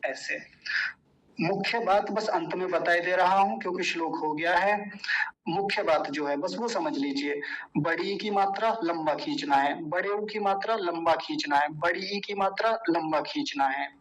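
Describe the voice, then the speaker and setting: A middle-aged man teaching verse pronunciation in a class, explaining patiently and chanting verses slowly and deliberately. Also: high-pitched, rough recording. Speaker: Sanskrit recitation teacher.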